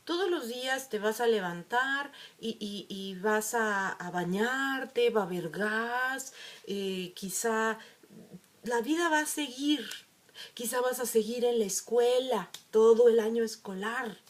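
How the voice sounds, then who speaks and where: A woman's voice: a little high, slow pace. Woman telling a vivid story. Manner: storytelling, animated with acted quotes. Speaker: emotional wellbeing speaker. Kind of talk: reflective talk to camera.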